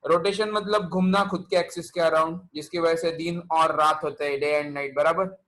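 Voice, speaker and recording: A male physics teacher leads an online class and keeps putting questions to his students. His voice is bright and sits a little high. He slips English terms into his Hindi. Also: fairly even intonation, moderate pace, rough recording.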